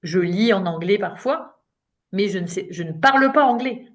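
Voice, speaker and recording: A woman's voice: mid-range voice, expressive, normal speed. A woman in her late fifties, a coach giving an informal talk in French, chatty and self-mocking with frequent fillers. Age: 50s. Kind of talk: live online talk to an audience.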